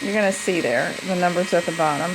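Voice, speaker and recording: A woman's voice: lowish voice, fast, noisy background. A woman giving a casual DIY demonstration to viewers, speaking informally and thinking aloud, her voice muffled by a mask over her mouth. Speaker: DIY tutorial host.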